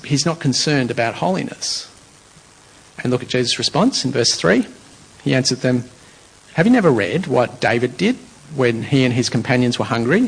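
A man's voice: mid-range voice, vocal fry, a bit bright, husky, rough recording. A man preaching a conversational, explanatory sermon, working through a passage verse by verse.

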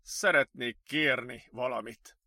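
A man voicing a calm male psychiatrist who speaks slowly and firmly, in an audiobook. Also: medium pitch, no echo, clean studio sound. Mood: reluctant. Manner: slow, soothing and firm. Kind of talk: audiobook character voice.

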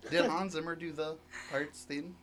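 A young man co-hosting a casual podcast game, dry and low-key, answering in short bursts. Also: fairly even intonation, moderate pace, crowd noise. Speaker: podcast co-host.

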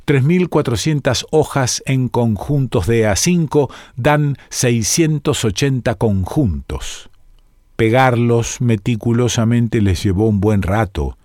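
Argentine male radio storyteller, mid-pitched, slow and theatrical, dry studio sound. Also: darkish tone, dry recording. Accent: Argentine Spanish. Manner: slow, theatrical delivery with wide swings in pitch. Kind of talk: scripted story narration.

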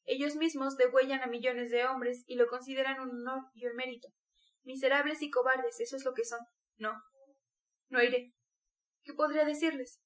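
A woman's voice: high-pitched, fairly even intonation, moderate pace, natural voice. A woman reading the part of a brooding, tormented young male student in an intense, bitter confession. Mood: scornful.

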